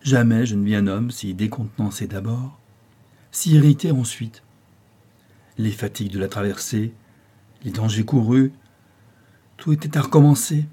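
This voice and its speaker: A man reading a classic adventure novel aloud in a measured, expressive style. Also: on the low side, husky. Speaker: audiobook reader. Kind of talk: scripted novel narration.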